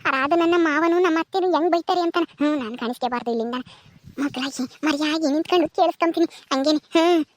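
A woman's voice: normal speed, hardly any pauses, a little mellow, no echo, natural voice. A woman as a gloating, scheming young wife. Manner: low, secretive asides.

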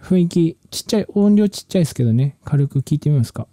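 A man with a very mellow, warm voice sitting slightly high, chatting about his music in a loose, slangy ramble full of restarts. The sound is dry and close, with no room around it. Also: fast, no room sound. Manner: relaxed, rambling, slangy speech with many restarts. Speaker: musician and channel host. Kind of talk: casual talk about music production.

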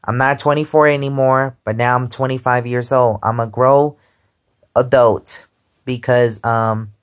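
A twenty-five-year-old man rambles slowly from his bed, his words drawn out and unhurried. His voice is smooth and clear, caught close on a phone just above his face. He keeps circling back with "because, um" as he chats. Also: mid-range voice, steady tone. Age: 20s. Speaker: vlogger. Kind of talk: casual chat. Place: lying in bed at home, indoors. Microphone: phone held close above face.

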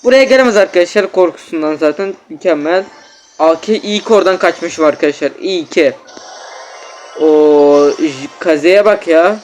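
A man giving excitable gameplay commentary as a gaming YouTuber, repeating words and constantly addressing his viewers. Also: fairly high pitch, normal speed, slight background noise.

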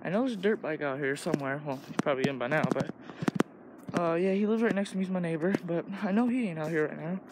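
A teenage boy from Illinois vlogs casually as he walks through the woods, holding a phone camera and rambling crudely with lots of "like." His voice is a little high and quick, and the outdoor phone recording is noisy.

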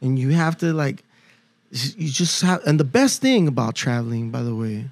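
A middle-aged male musician, appearing as a guest on a podcast, talks in a laid-back, rambling manner full of likes, fillers, and restarts. He has a medium-pitched voice and a moderate pace. The casual chat is recorded dry on a studio mic in an indoor podcast studio, with him playing acoustic guitar in the background.

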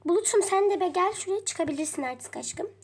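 High-pitched woman, chatty game role-play vlogger, talks straight to viewers. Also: fairly quick. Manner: chatty, addresses viewers often, mild swearing. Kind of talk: narrating a pretend trip vlog in a game.

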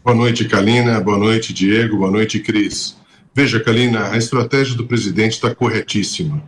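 Middle-aged man, low voice, assured pundit, video call with faint hiss. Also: steady tone, normal speed. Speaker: political commentator. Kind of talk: news commentary. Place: home office with shelves.

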